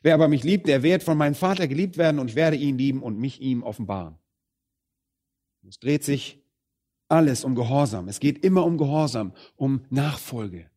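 A man delivering a sermon straight to his congregation, his voice rising and falling sharply. He hammers some words loud and slows down, then sinks into quiet, low phrases. His pace shifts often within a single thought. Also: animated. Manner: emphatic, swings between loud stresses and quiet low phrases; addresses the congregation directly. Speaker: preacher.

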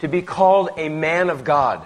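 Male preacher, slightly high voice, clipped emphatic phrases, waits on an interpreter between lines. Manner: pauses phrase by phrase for translation, emphatic. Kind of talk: sermon with live interpreter.

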